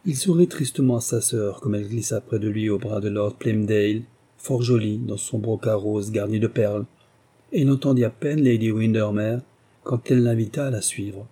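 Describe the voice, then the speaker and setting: A man narrating a classic novel as an audiobook in a measured, literary reading. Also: fairly low pitch, dark tone, slightly rough. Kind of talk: scripted narration.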